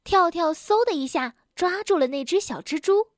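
A woman reading a children's story aloud in a gentle, expressive manner. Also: very high-pitched, moderate pace, dry recording, clean studio sound.

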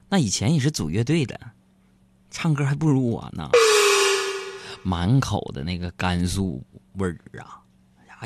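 A radio host with a medium-pitched voice delivers a comic monologue, joking playfully at his own expense and sometimes stammering when he gets excited.

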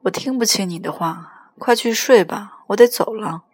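A woman voicing a teenage girl on a late phone call, brisk and impatient. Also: mid-range voice, no echo, natural voice.

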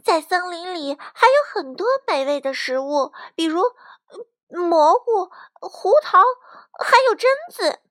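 A woman voicing a curious, lively young hen in a storybook, eager and wondering. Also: extremely high pitch, measured pace, voice pushed up, exaggerated voice.

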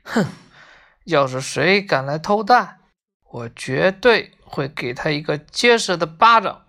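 A woman voicing a vain little storybook bear with a shrill, fussy voice. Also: lively intonation, takes it slowly, fairly bright tone, full character voice.

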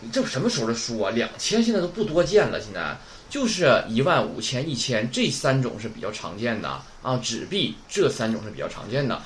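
A man's voice: mid-range voice, very animated, brisk, a little hiss or hum. A man, teaching an online class. He is chatty and keeps asking the class "right?". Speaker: Japanese teacher.

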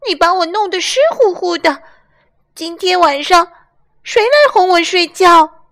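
A woman's voice: unhurried, fairly bright tone, heavily acted. A woman voicing a small, whiny boy lamb who wails and complains, in a storybook reading. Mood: wailing. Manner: shrill, wailing, complaining.

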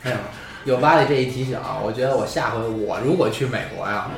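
A man's voice: medium pitch, quick pace. A male podcast co-host in casual chat, making teasing, chuckling asides. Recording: distant roomy mic with music.

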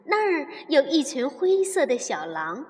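A woman reads a children's story aloud as the host of a bedtime story show, warm and expressive toward young listeners. Her voice is high and swings widely, and her pace is slow. A long reverb hangs behind it.

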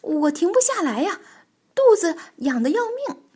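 A woman voicing a big, timid female rabbit in a children's storybook, with a raised, excitable voice. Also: measured pace. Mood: flustered. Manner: high, excitable, easily flustered.

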